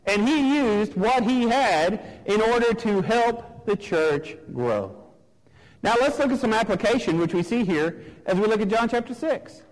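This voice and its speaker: A man's voice: sits high, expressive, unhurried, big-room sound, rough recording. A man preaching a sermon to his congregation in an emphatic, repetitive cadence. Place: church sanctuary.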